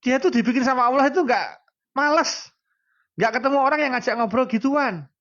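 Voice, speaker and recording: A man's voice: very high voice, a little fast. A male preacher with a Javanese accent giving a casual religious talk, telling stories with animation and acting out pleading prayers. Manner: animated storytelling, acts out pleading prayers and quotes. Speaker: Islamic preacher. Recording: dull lo-fi recording.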